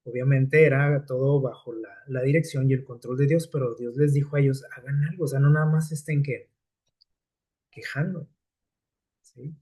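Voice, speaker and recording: A man's voice: medium pitch, fairly even intonation, moderate pace, mellow, breathy edge. A man preaching a sermon in a conversational way, often checking in with "¿sí?" and "¿no?", with hesitant fillers and repeated words. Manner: conversational preaching with frequent rhetorical "¿sí?" and "¿no?".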